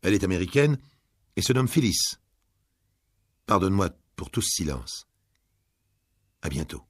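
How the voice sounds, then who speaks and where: A man reading out a letter as an apologetic, earnest young son, steady and plain, in a dramatic audiobook reading. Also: deep voice, moderate pace, breathy edge, dry recording, clean studio sound, exaggerated voice.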